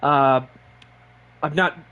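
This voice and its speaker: High-voiced, excitable male streamer. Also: extremely slow, crowd noise. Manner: excitable, rambling, repeats himself. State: short on sleep and caffeinated. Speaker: sim racing live streamer. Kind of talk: excited live-stream chat.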